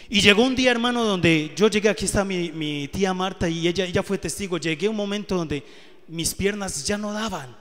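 A man with a high voice preaches live in a church hall, his words trailing off in long reverb. He talks earnestly, giving testimony that builds to emotional peaks. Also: a little fast. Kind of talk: sermon.

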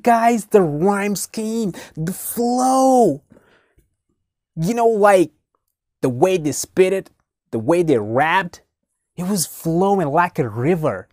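Excitable young man reacting on camera. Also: high voice, no echo, studio quality. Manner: excitable, exclaims often, speaks to viewers directly. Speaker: reaction video host. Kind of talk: casual reaction commentary. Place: small indoor room.

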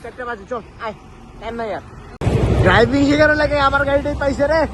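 A high-voiced man with an Old Dhaka accent talks to his camera while riding a motorbike through city streets at night. He exclaims and chats loosely with his friends, sounding cold and worn out. Loud traffic noise fills the outdoor recording. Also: fast talker, a crowd in the background. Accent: Old Dhaka Bangla. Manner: excited, exclaiming, chatty with friends. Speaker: motovlogger. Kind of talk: casual night-ride vlog chatter.

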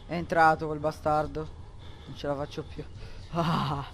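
A young man commentating a horror game, scared and swearing, often breaking into panicked yelling. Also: on the high side, flat delivery, unhurried, slight background noise. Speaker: gameplay commentator.

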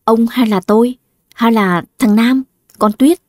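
A woman voicing a sharp-tongued, scheming older wife who nags her husband with cutting retorts. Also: fairly high pitch, no echo, clean studio sound, natural voice. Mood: scornful. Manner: cutting, nagging, quick retorts.

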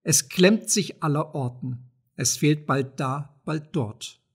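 A man's voice: on the high side, slow, slight background noise. Man reading as a brooding sultan. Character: proud worried sultan, grown man. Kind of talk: audiobook reading of a play.

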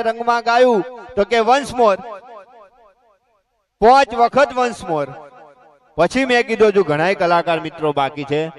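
A man with a Gujarati accent performing live stand-up comedy, telling folksy stories and acting out the other people in them. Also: very high voice. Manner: folksy storytelling, voicing others in dialogue. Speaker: comedian and stage host.

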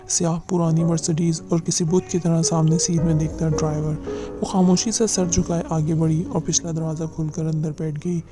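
A man giving a dramatic audiobook narration of a novel, with a measured storytelling delivery that slows for tense moments. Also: a little high. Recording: narration over loud background music.

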